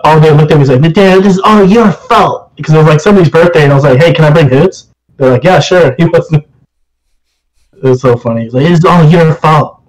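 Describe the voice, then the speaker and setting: A man's voice: on the high side, darkish tone, poor audio. A young man telling rambling stories in a casual chat, swearing and laughing often. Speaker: live stream host.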